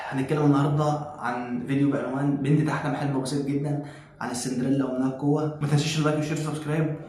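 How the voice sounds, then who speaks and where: A man's voice: mid-range voice, level tone, rapid-fire, darkish tone. A man with an Egyptian accent hosting a reaction video, making mocking, sarcastic comments. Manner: mocking, sarcastic, laughs at the clip. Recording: very echoey room, faint noise.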